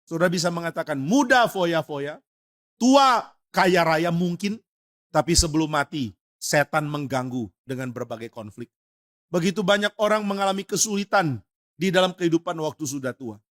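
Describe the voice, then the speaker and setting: A man's voice: a little high, expressive, moderate pace, a bit bright. A man preaching a sermon to a congregation, telling stories and stressing key words. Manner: storytelling with acted voices and rising emphasis; addresses congregation as brothers and sisters. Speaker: pastor.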